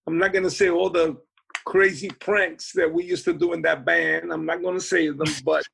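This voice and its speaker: Guy with a high raspy gravelly voice rambling thru old band stories, lots of "you know". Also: flat delivery, normal speed, a bit bright, slight background noise. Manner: rambling, full of "you know" fillers and restarts. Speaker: musician recalling band days. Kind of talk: anecdotal storytelling interview.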